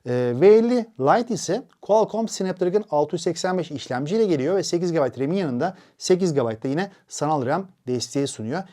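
A man delivers a product review at a brisk clip. He pauses often on short fillers as he explains. His voice sits a little high for a man and has a mellow, darker tone. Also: lively intonation. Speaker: tech reviewer.

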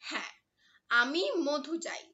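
A woman's voice: high voice, slow pace, pushed and bright, muffled recording, exaggerated voice. A woman voicing a stubborn little child who whines and insists, in a children's storybook reading. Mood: whiny. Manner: whiny, insistent.

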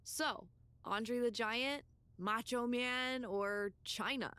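A cocky female wrestler, teasing and smug. Her voice sits a little high and sounds dry and close. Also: takes it slowly, sharp tone, clean tone, no echo. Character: cocky female wrestler Gigi, trash-talking. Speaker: game character.

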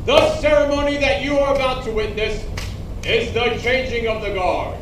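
A man, an army sergeant, giving a formal, commanding ceremony announcement through loudspeakers. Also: extremely high pitch, steady tone, noisy background. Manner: loud, measured, commanding. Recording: echoey public address from far off.

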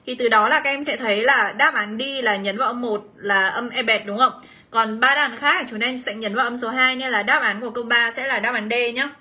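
A woman's voice: on the high side, bright, forceful tone. A young woman teaching English on a livestream, chatty, greeting viewers and reading out their answers. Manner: chatty, reads out student comments, calls class "mọi người". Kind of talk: livestream exam review lesson.

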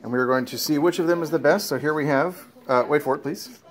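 A woman's voice: deep voice, fast, crowd noise. A woman hosting a family taste test on a casual home video, announcing things repeatedly like a game-show host. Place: home dining room with family around a table. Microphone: handheld phone camera.

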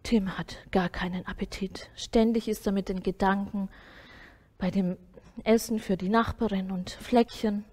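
A woman reading a Sunday school story aloud to children, soft and often sinking to a near whisper. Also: medium pitch, fairly even intonation, measured pace.

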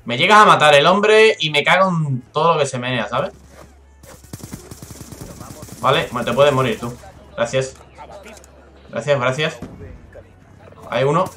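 A young man with a Spanish accent streams a shooter game live, talking straight to his viewers. His voice is fairly high and bright, with a forceful edge. He is excitable and swears freely. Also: measured pace, pauses often. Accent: Spain Spanish. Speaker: gaming streamer. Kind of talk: live gameplay commentary.

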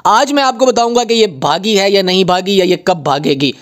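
A man giving casual screen-share commentary on an earning app, emphatic and warning, reading English text out slowly. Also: high voice. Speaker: YouTuber reviewing an earning app.

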